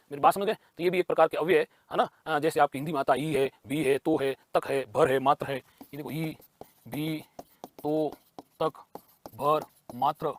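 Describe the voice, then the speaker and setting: A man's voice: on the high side, dry recording. A man teaching a grammar lesson for exam prep. He asks questions and answers them himself, and he repeats key terms.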